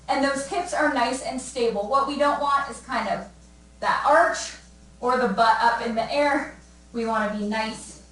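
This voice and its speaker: Young female fitness instructor, winded, upbeat coaching cues; slightly high voice, roomy distant mic. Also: a bit bright. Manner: upbeat encouraging coaching, counting down. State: out of breath. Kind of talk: live fitness class cues. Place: room at home. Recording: echoey room, mic at a distance.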